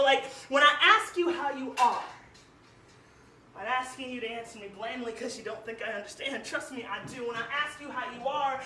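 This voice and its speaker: A woman's voice: high-pitched, bright, forceful tone, a little hiss or hum. A young woman from Ohio performing spoken word poetry in a small venue, emphatic and emotional, with lots of "like"s. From Cleveland, Ohio. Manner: emotional, emphatic delivery with many "like"s. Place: small live music venue. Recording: roomy echo, heard from a distance.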